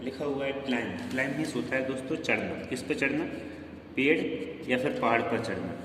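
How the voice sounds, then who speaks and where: A man's voice: medium pitch, brisk, fairly bright tone, a little hiss or hum. Hindi-accented man teaching in an echoey room. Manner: repetitive, quizzing the viewers with questions and answers; stresses corrections emphatically. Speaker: English teacher. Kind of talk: screen-based grammar lesson. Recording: echoey room with long reverb.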